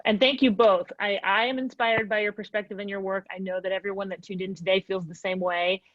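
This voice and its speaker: A woman's voice: mid-range voice, fairly even intonation, fairly quick, a bit bright, no room sound, highs cut off. A woman moderating a panel discussion, guiding questions and responding appreciatively.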